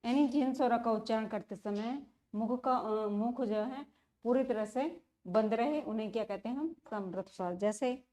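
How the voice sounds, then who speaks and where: A woman's voice: fairly high pitch, moderate pace, mellow. A woman teaching a grammar lesson, repeating key terms and asking rhetorical questions as she explains. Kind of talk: classroom-style lesson.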